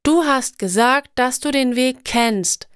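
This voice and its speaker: A woman voicing a frightened, annoyed young boy with high, loud exclamations in a story reading. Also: a little slow, no room sound, clean studio sound, lightly acted.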